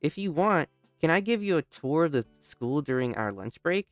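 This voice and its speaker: A man voicing a kind, cheerful female rag doll student in a squeaky high voice, playing through a story game. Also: sing-song, normal speed, no room sound, soft background music. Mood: friendly.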